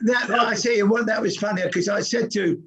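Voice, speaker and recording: An older man, telling old football stories with dry humour in a casual chat, his voice going hoarse. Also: sits high, steady tone, a little fast, a bit bright. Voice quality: gravelly, husky voice. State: losing his voice. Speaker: guest, goalkeeping coach. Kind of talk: casual storytelling on a podcast. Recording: muffled lo-fi stream audio.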